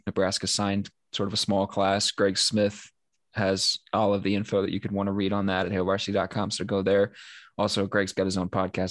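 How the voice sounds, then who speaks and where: A man with a fairly low voice hosts a casual sports podcast, chatting loosely with frequent fillers and restarts. The recording is dry and of studio quality.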